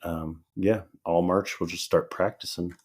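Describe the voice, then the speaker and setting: Laughing often and telling stories at an easy, unhurried pace, a podcast co-host with a very low pitch keeps the chat casual. His voice comes across as slightly hoarse and dry, like it's still on the mend.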